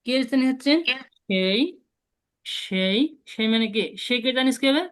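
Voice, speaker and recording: A woman teaching a beginner Chinese lesson online, slowly drilling sounds for her students to repeat. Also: high-pitched, fairly even intonation. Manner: patient, slow repetitive drilling of sounds.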